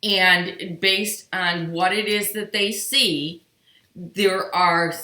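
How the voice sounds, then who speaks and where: Woman, middle-aged, quilting live-stream host, tired, slow unhurried talk, chatty with viewers, webcam at a sewing table, roomy echo. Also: on the low side, steady tone, bright, forceful tone. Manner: chatty, greets and answers viewers by name. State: tired, yawning. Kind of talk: live-stream casual chat. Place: home sewing room. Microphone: computer webcam on sewing table. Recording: roomy home-room echo.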